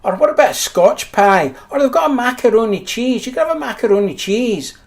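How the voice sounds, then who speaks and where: A wheedling Scottish mother who keeps pushing other dishes on her child, as a man voices her. Her voice is pitched high above the speaker's own and lifts in a pleading sing-song. She sounds fussy and insistent. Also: lively intonation, brisk, creaky, heavily acted. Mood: coaxing. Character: fussy coaxing Scottish mother, middle-aged.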